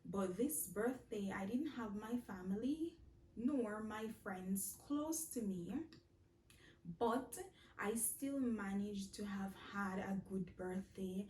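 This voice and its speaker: A young Jamaican woman answering viewer questions in a casual vlog, speaking slowly and warmly, often repeating herself and laughing. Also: medium pitch, echoey room, recorded from a distance, slight background noise. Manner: slow, heartfelt, repeats phrases, laughs often.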